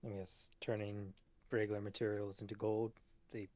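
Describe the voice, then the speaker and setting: A man's voice: fairly low pitch, flat delivery, moderate pace, no room sound. A man chatting casually as a tabletop game player, tentative and often trailing off, on a dull lo-fi recording.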